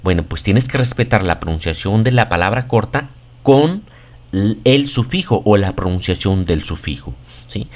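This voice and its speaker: A man teaching English pronunciation, explaining patiently and often checking in with the listener. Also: deep voice. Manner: says English example words slowly and deliberately. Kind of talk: pronunciation lesson.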